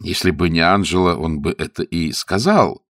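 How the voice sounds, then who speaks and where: A man narrating a story aloud in a lively, expressive reading style. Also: low-pitched, normal speed, dry recording, studio quality. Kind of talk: audiobook narration.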